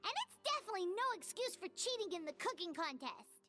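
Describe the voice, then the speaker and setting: Tiny squeaky childlike companion. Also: female voice, big pitch swings, fast, pushed and bright, faint music behind, heavily acted. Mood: indignant. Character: small squeaky fairy-like companion, childlike, excitable and indignant. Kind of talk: video game voice acting.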